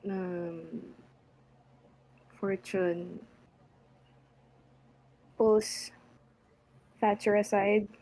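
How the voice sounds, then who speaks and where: A woman playing a tabletop game, speaking slowly and hesitantly. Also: medium pitch, fairly even intonation, dark tone, low-quality recording. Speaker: player. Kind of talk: casual play.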